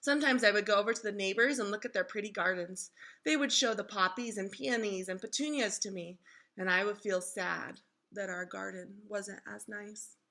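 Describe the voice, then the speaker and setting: A woman with a mid-range voice reads a children's storybook aloud at a moderate pace. She is expressive and instructive, engaging young listeners the way a teacher would.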